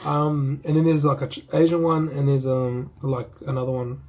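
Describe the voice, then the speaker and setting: A man's voice: mid-range voice, flat delivery, moderate pace, darkish tone. A man with a New Zealand accent, chatting casually and slangily about a film he reviewed. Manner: laid-back, slangy, rambling with restarts. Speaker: movie reviewer. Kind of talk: casual chat.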